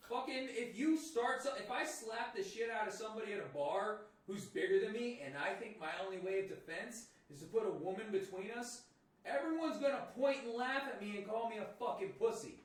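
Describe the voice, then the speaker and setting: A man's voice: high-pitched, lively intonation, brisk. A man co-hosting a casual podcast chat, profane and laid-back, laughing easily. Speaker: podcast co-host. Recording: echoey room, mic at a distance.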